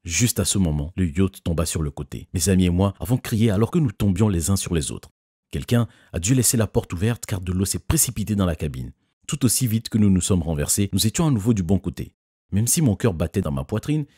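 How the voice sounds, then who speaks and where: Deep husky male narrator. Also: dark tone, no room sound, clean studio sound. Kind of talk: scripted first-person narration.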